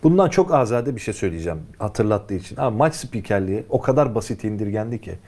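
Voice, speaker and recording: A man's voice: lowish voice, expressive, fast, a little mellow. A man chatting casually and emphatically as a sports show panelist, often joking as he gives opinions.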